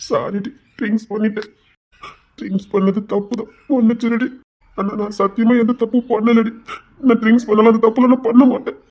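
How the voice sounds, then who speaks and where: A man's voice: high voice, flat delivery, brisk, dull audio. A young man acting a pleading, apologetic lover in an audio drama.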